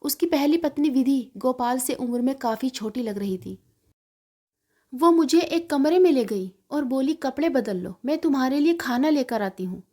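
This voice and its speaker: A woman with a high voice reads a sad first-person story aloud. She keeps a steady, heartfelt narrating tone throughout. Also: normal speed.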